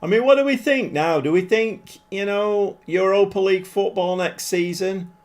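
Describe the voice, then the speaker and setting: A man live-streams a football management game in a high-pitched voice, chatting casually with viewers. He's self-deprecating and gets excited easily.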